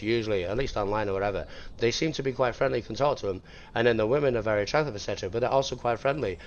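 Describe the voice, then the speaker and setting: A man's voice: medium pitch, gravelly. A man rambling and swearing freely in casual gaming chatter, repeating himself as he talks. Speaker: gamer streamer. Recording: muffled lo-fi with loud vehicle noise.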